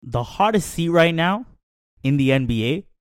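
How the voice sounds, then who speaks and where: A man's voice: fairly high pitch, lively intonation, normal speed, smooth, no room sound, clean studio sound. A man on a sports talk panel, speaking with confidence, trash-talking the other team and often tagging on "right?".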